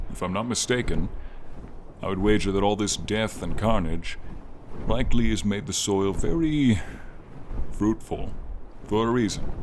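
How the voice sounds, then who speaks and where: With light rain and outdoor ambience behind him, a man voices a gentle, wise, lonely dragon in an intimate, slow-paced ASMR fantasy roleplay. His deep voice is gravelly and breathy, his delivery measured, pensive, and slightly formal, broken by frequent pauses. He sounds grave and explanatory.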